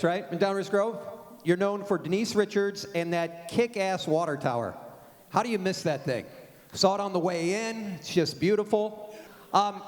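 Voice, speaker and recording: A man emceeing a live comedy benefit on a theater stage, hyping the crowd loudly and cheerfully. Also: sits high. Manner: loud, upbeat crowd hype. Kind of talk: live stand-up emcee hosting. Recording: echoey theater hall, crowd noise.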